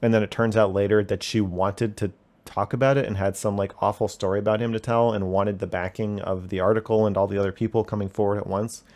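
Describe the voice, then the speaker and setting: A man's voice: on the low side, steady tone, quick pace, a little mellow. A young man hosting a call-in livestream, answering chat questions in a defensive, rambling way with plenty of swearing. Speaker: call-in show host reading chat.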